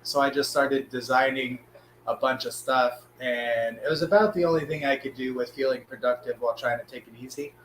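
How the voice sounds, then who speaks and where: A man hosting a casual live stream, his voice sick and hoarse with a smoker's rasp. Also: medium pitch, steady tone, a little fast, fairly bright tone, echoey room, a little hiss or hum, rough recording.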